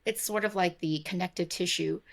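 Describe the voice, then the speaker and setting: A woman with a low-ish, gravelly voice talks fairly quickly as a guest on a remote call; she's a tech investor and former podcaster. Chatty and quick to laugh, she leans heavily on fillers like "like" and "right?"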